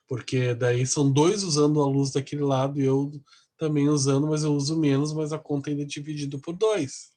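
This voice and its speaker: A male psychology lecturer gives an explanatory class talk. His voice sits at an ordinary middle pitch with a husky, slightly breathy grain. He keeps checking in with his listeners through a steady "né?". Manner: explanatory, tags sentences with "né?".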